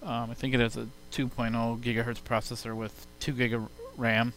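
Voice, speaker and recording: A man's voice: mid-range voice, level tone, normal speed, fairly bright tone, soft background music, low-quality recording. A man giving an informal, step-by-step spoken demo in an explanatory way. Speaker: software demonstrator. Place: recorded on a computer sound card. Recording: hissy home computer sound-card input.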